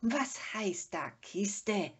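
Woman doing tiny excitable storybook creature, squeaky high voice, breathless, eager, breathy. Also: slow, heavily acted. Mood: indignant. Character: small excitable timid animal creature.

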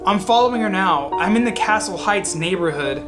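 A man voicing a determined, secretive teenage schoolgirl as he reads her text messages aloud, with loud guitar music behind him. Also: sits high, expressive, fairly quick. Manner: reading text messages aloud in a plain narrating voice. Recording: music playing loudly behind.

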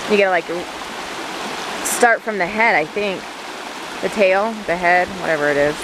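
A woman's voice: fairly low pitch, normal speed, noisy background. A woman chatting and teasing her family while filming a casual family vlog outdoors by a mountain creek. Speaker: family vlogger.

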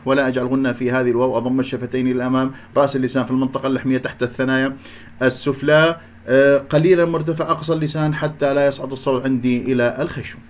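A man teaching Quran recitation, explaining each letter and recitation rule and drawing out slow chanted examples, with an Iraqi accent. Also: mid-range voice, fairly even intonation.

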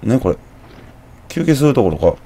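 Playing through a horror game, a young Kansai-accented commentator chats and mumbles to himself, yelping when startled. He speaks at a normal speed in a husky, dark, mid-pitched voice full of animation.

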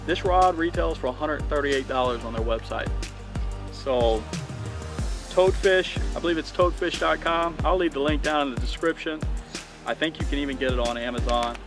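A man's voice: fairly high pitch, normal speed, music in the background. A man in his thirties hosting a fishing channel, chatting eagerly to viewers as he unboxes gear on a dock. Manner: enthusiastic, chatty, addresses viewers as guys. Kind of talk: casual product unboxing. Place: outdoors on a dock by open water.

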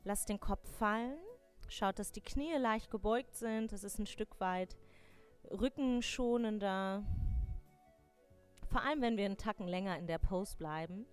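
A young woman teaching a live yoga class, giving clear step-by-step cues on breath and posture, with playful corrections to her students. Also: mid-range voice, a little slow. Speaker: yoga instructor. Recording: faint music behind.

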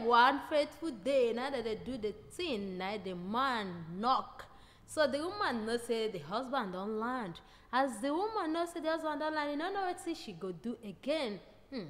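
Woman comic storyteller, Nigerian Pidgin accent, brightish pitch, reverberant room. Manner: lively, laughs at own jokes. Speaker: comedian storyteller.

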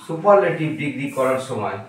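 A man teaching English grammar in a slow lesson, repeating words and spelling them out letter by letter. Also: mid-range voice, animated. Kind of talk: slow classroom-style lesson. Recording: very echoey room, distant mic.

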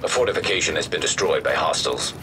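A man voicing a male AI announcer in a combat game, with a robotic synthetic filter and flat, clipped status callouts. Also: a bass voice, fast talker. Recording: game audio with loud background noise.

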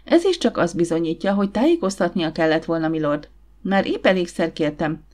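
A woman's voice: lowish voice, lively intonation, a little mellow, lightly acted. A woman reading the part of a spirited, indignant young lady who collects fossils, in an audiobook.

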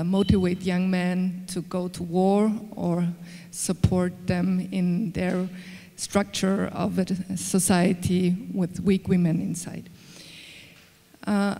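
Woman moderator asking long questions, pretty monotone, hall echo. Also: mid-range voice. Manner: careful, searching for words. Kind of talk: moderating an on-stage discussion. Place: large formal hall indoors. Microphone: handheld mic.

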